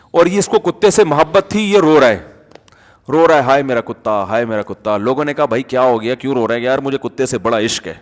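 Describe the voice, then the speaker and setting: Male preacher, higher-pitched, joking and conversational, long hall reverb. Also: a bit bright. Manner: conversational preaching with humor and asides. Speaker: religious scholar. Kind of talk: Urdu sermon.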